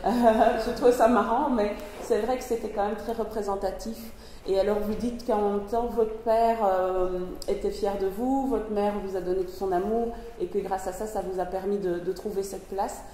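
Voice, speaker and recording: A woman's voice: medium pitch, fairly even intonation, normal speed, dark tone. Woman in a very echoey hall. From Belgium. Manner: thoughtful, hesitant, many fillers and restarts. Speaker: moderator and reader. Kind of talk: reading aloud, then hosting a discussion. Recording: very echoey hall, faint noise.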